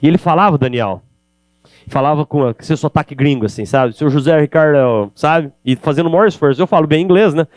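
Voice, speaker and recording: A middle-aged Brazilian man giving an energetic business lecture on sales, talking straight to the audience with rhetorical questions. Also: a little high, fast talker, dry recording. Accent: Brazilian Portuguese. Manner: animated, addresses audience directly with rhetorical questions. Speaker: keynote speaker on sales. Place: event hall.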